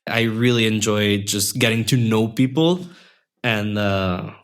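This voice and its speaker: A young man whose native language is Spanish appears as a guest on a podcast, chatting in a casual interview. His voice is fairly low, clean and evenly paced, and he comes across as friendly and thoughtful, frequently beginning his sentences again.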